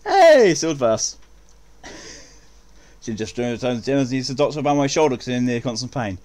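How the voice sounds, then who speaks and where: A man's voice: medium pitch, steady tone, rapid-fire, a little mellow. A man chatting casually as he streams and comments on a video game.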